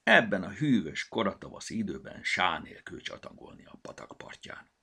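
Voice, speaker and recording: A man with a gravelly, husky voice, voicing a playful young male wind spirit in a storybook, tutting and scolding. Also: low voice, sing-song, bright, forceful tone, full character voice.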